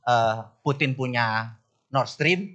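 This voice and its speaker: A middle-aged man telling stories from his life to an audience, animated, often jumping high in pitch to act out other people and asking the crowd whether he is right. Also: slow pace. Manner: asks the audience "bener nggak?". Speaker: business speaker. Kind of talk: storytelling talk to an audience.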